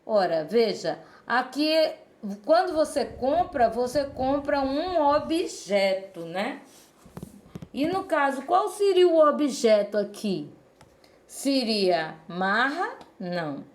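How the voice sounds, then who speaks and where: A woman teaching a language lesson, explaining slowly and asking rhetorical questions. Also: high voice, big pitch swings.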